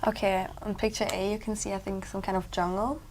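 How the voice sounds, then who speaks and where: A young woman talks her way through ideas in a spoken exam. She keeps an even, flat intonation and a relaxed, conversational manner. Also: medium pitch, fairly quick, a little hiss or hum. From Switzerland. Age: young adult. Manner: conversational, thinking aloud. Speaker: exam candidate.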